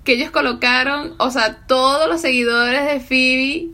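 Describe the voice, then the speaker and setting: A woman with a notably high voice chatting casually. She keeps looping back with fillers and restarts, full of enthusiasm for the subject. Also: steady tone, unhurried, pushed and bright. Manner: chatty, fillers like "o sea" and "literal". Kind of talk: casual chat about fashion.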